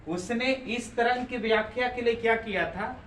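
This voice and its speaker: A man's voice: extremely high pitch, normal speed, a bit bright, a little hiss or hum. A man teaching physics in a classroom lecture, often asking the class questions and repeating their answers. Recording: roomy classroom, from far off.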